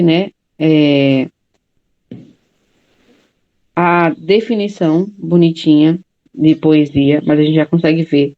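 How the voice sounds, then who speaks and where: A woman's voice: fairly low pitch, lo-fi sound. A woman teacher giving a classroom lecture, explaining step by step and often checking in with her students.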